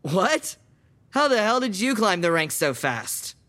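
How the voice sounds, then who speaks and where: A performer voicing an anxious, guilt-ridden young male vampire fledgling in an audio drama, earnest and quick to worry. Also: mid-range voice, sing-song, a bit bright.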